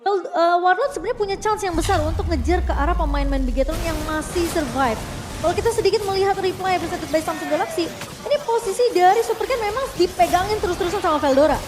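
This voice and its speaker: A woman's voice: very high-pitched, quick pace, crowd noise. A woman with an Indonesian accent commentating on a match as an esports co-caster.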